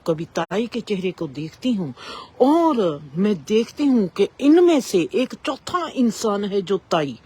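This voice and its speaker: A woman telling a reflective spiritual story in a slow, measured way with long pauses. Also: medium pitch, mellow, slightly rough.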